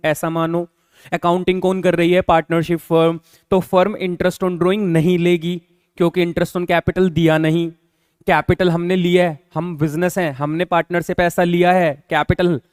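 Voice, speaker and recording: A man's voice: sits high, darkish tone, clear, resonant tone, no echo, studio quality. A man teaching a commerce class who explains rules and acts out little exchanges between business partners, switching his talk. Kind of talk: classroom lecture.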